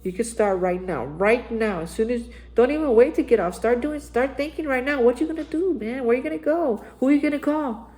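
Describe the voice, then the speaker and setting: An extremely high-pitched man with a darkish tone talks fairly quickly in his daily spiritual recovery vlog, recorded around Austin, Texas. Earnest and encouraging, he urges listeners forward, repeats himself often and keeps saying "man."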